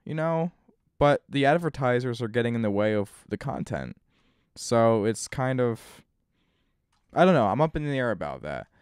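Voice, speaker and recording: A man's voice: medium pitch, very animated, moderate pace, a little mellow, clean tone, dry recording, studio quality. A man who makes gaming videos, ranting casually and rambling over gameplay with loose restarts. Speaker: gaming YouTuber.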